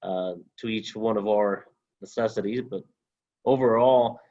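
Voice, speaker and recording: Over a video call, a former student from Honduras, now a guest alumnus, fumbles through interview questions with many fillers. The young man's voice is lowish and dark in tone, captured with lo-fi sound.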